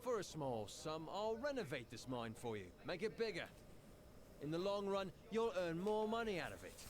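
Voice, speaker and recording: A man's voice: on the high side, sing-song, moderate pace, crowd noise. An actor playing an enterprising male mining trader in a scripted fantasy video game. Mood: hearty, persuasive.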